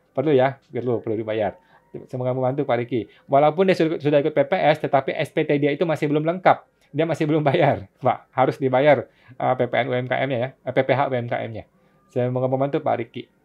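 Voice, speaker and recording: A man hosting a casual live-stream Q&A, reading viewers' questions and answering them patiently with frequent chuckles. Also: mid-range voice. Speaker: tax consultant host answering viewer questions. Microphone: phone or laptop mic for live stream. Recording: dull lo-fi live-stream audio.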